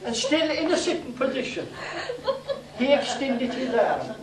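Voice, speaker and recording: A man's voice: very high-pitched, big pitch swings, unhurried. An older man with an Irish accent telling comic stories to a live audience, leisurely and dryly humorous. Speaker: storyteller. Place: day centre hall. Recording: echoey room from far off.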